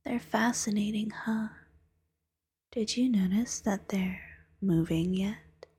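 A woman voicing a playful, teasing female demon who hypnotizes, in a soft-spoken, coaxing, whispery ASMR roleplay manner. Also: mid-range voice, takes it slowly. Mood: hypnotic. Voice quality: whispery, breathy.

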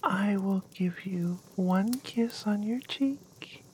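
A woman voicing an evil winter queen in a whispered storybook reading, soft, slow and beguiling. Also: mid-range voice, a little hiss or hum, close to an everyday voice, low-quality recording. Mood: cold coaxing.

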